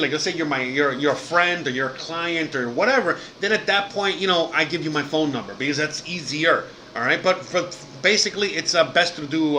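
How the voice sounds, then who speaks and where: A man's voice: a little high, pushed and bright, slight background noise. A Cuban-American man from Miami with a Miami Cuban accent, rambling through a casual, profane livestream chat as host while sick with food poisoning. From Miami, USA. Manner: rambling, profane, lots of "you know what I mean".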